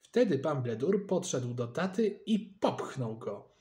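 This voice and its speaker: A man reading a children's storybook aloud in a lively, expressive way, narrating in a child's first person. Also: mid-range voice, a little slow.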